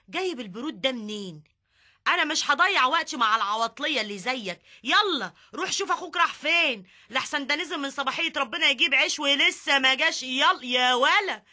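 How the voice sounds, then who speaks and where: A woman's voice: high-pitched, pushed and bright, heavily acted. A woman playing a bossy mother with an Egyptian accent, nagging and threatening her idle son.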